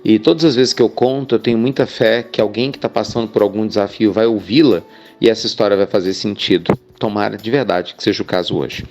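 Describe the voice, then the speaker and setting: A man's voice: on the low side, fairly even intonation, fairly quick, a little mellow, lo-fi sound, faint music behind. A man, a spiritual speaker telling an inspirational story in a chatty way. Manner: chatty, addresses listeners as "gente" with frequent "né".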